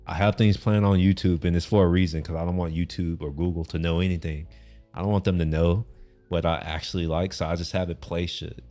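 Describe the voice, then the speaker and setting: A young man from Texas with a deep, low voice talks casually to his stream audience. He rambles, often restarting his sentences and tossing in swear words. Faint guitar music plays behind him. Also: darkish tone. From Texas, USA. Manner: rambling, loose and conversational, with frequent restarts and swearing. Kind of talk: casual chat.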